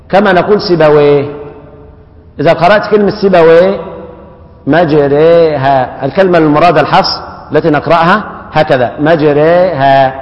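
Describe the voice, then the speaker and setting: Egyptian sheikh teaching recitation, echoey hall. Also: male voice, on the high side. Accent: Egyptian Arabic. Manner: explains slowly, repeats terms, checks in with "yes". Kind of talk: classroom lecture on recitation rules. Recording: echoey hall, dull lo-fi sound.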